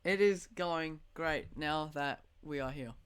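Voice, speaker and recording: A teenage boy hosting a casual podcast chat, excitable and swearing casually. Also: on the high side, slow pace, clean tone. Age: teens. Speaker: podcast host.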